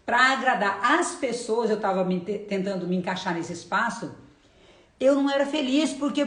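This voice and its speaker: Her voice fairly high and reverberant, a woman with a Brazilian Portuguese accent gives an effusive, informal faith testimony over a camera or phone live stream. She keeps repeating short phrases and addresses listeners as "gente."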